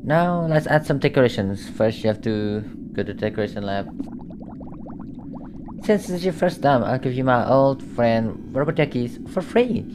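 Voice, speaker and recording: A man's voice: mid-range voice, expressive, moderate pace, background noise, lightly acted. A man reading out a posh male seagull who guides players through setting up an aquarium in a game, with a chatty manner. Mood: cheery. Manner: posh, chatty tutorial narration. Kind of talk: reading game dialogue aloud.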